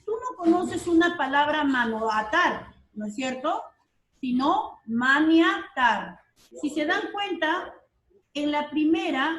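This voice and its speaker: A woman teacher giving an online lesson, who explains slowly, repeats key terms and keeps checking that her students follow. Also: sits high, recorded from a distance. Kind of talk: online class lecture. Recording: roomy sound from off the mic.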